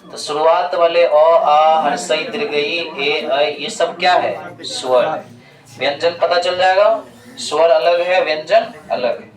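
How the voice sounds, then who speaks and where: Slow-explaining male teacher in an echoey classroom. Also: fairly high pitch, recorded from a distance, a crowd in the background. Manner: slow, repetitive explaining, quizzing students. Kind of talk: classroom grammar lesson. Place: classroom with students.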